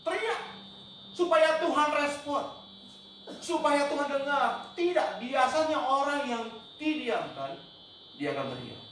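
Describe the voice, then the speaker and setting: A man with a very high voice preaches emphatically from a church hall, now and then breaking into English words and shouted cries. The sound is heavily echoey and caught from some distance. A faint noise sits underneath. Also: sing-song, measured pace. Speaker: pastor. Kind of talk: sermon.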